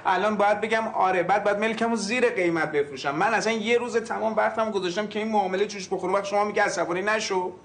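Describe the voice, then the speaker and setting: A man's voice: high-pitched, steady tone, hardly any pauses, a bit bright, slight background noise. An actor playing a frustrated man short of money who is selling property, pressing and sarcastic. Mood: indignant. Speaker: property seller.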